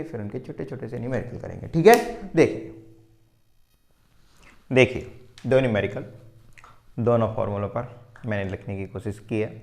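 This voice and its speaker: A man with an Indian accent teaching physics at a board, quizzing his students and teasing them. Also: medium pitch. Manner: lively, quizzing students and answering his own questions, teasing. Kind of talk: classroom lecture at a board. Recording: roomy echo.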